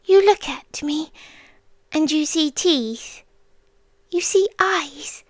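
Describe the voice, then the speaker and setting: Hurt and coaxing, a British woman voices a childlike, possessive sea demon for an ASMR roleplay. Her speech is high, breathy and soft, frequently dropping into whispers and stretched by slow, coaxing pauses. The tone is both tender and eerie, and the recording is dry.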